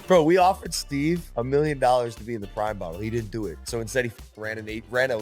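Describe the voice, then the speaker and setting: Man, podcast host, fast-talking, joking, faint music. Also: medium pitch. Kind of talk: casual chat.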